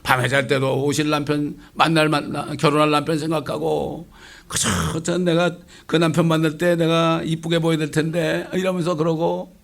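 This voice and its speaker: A middle-aged man preaching a conversational sermon as a pastor, lively and full of rhetorical questions. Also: a little high, normal speed, creaky. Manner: lively, asks rhetorical questions, acts out quotes.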